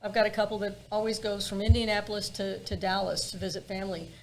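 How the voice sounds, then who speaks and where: A woman's voice: mid-range voice, level tone, fast, poor audio. Wry, emphatic woman over background noise. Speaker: ghost walk tour guide being interviewed. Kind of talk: casual interview chat. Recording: clear background ambient noise.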